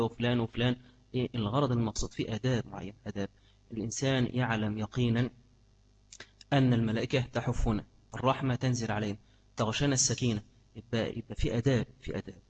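Quick Egyptian man teaching a class. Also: mid-range voice, breathy edge. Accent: Egyptian Arabic. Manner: repeats key words, asks the class questions. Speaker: religious teacher. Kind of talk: Islamic study lesson.

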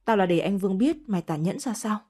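A woman's voice: animated, fast talker, a little mellow, breathy edge. A woman voicing a spiteful young woman who curses and wails accusations. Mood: venomous. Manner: shrill cursing, wailing accusations. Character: vicious spiteful young woman, hysterical mother.

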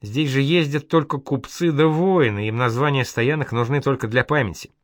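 A man reading an audiobook voices an experienced caravan leader who explains things slowly and calmly. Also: medium pitch, no room sound, pitched above the performer's own voice, natural voice. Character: older male caravan leader, calm and knowing.

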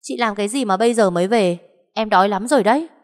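A woman voicing a spoiled, sly teenage younger sister who talks in a shrill, bossy, whiny way, with a long echoing reverb. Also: fast talker, lightly acted.

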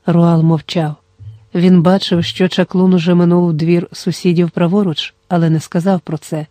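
A steady audiobook narrator reads the story in a dark, mellow tone. The delivery stays even and controlled, and the recording is dry and close with no room sound. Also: mid-range voice, normal speed, no room sound. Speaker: audiobook reader.

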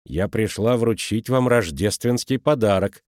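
A man's voice: on the low side, a little slow, darkish tone, no room sound, clean studio sound, natural voice. A man voicing a bold, teasing teenage girl who talks in a cheeky, colloquial way.

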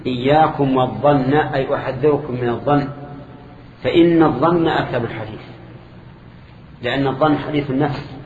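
A man, teaching a lesson that explains a hadith and putting questions to his students. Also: medium pitch. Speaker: Islamic scholar teaching. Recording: lo-fi recording in a reverberant hall with faint noise.

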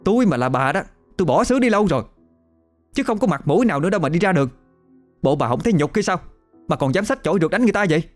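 A man with a Southern Vietnamese accent voicing a scornful young village wife who scolds in rapid, mocking bursts. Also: high-pitched, expressive, faint music behind, voice pushed up. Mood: scornful scolding.

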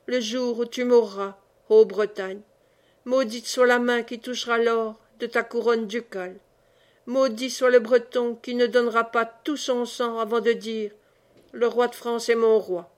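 A woman's voice: a little high, flat delivery, a little slow, close to an everyday voice. A woman reading the part of an old man who speaks in exalted, declamatory prophecy. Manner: solemn, declamatory.

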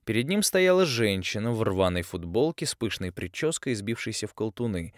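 Low-voiced male audiobook narrator. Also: sing-song, normal speed, dry recording, studio quality. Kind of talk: scripted narration.

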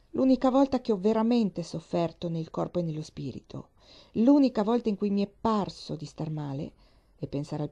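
A woman's voice: medium pitch, creaky, mellow. A woman reading the part of a forthright middle-aged navy wife, speaking emphatically, as if lecturing.

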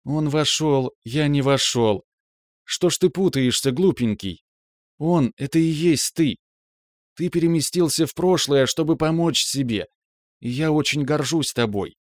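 A man doing a soft, cooing young woman. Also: a little high, unhurried, dry recording, clean studio sound, voice pushed up, close to an everyday voice. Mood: tender. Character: tender, teasing young woman, lover.

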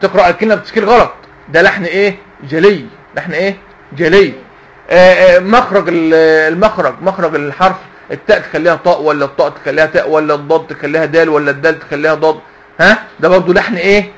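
Quizzing his young class again and again, a man teaches Quran recitation in an Egyptian Arabic accent, waiting each time for the students to answer. His voice runs rapid-fire, on the high side and a bit bright.

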